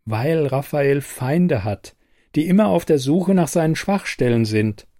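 A man voicing a cool female android bodyguard in an audiobook, speaking calmly and firmly. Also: a little high, measured pace, dry recording, studio quality. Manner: calm, firm, matter-of-fact.

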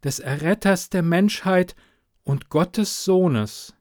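A man putting on an excitable young woman reporter. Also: takes it slowly, no echo, clean studio sound. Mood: awed. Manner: breathless, pleading, high-pitched.

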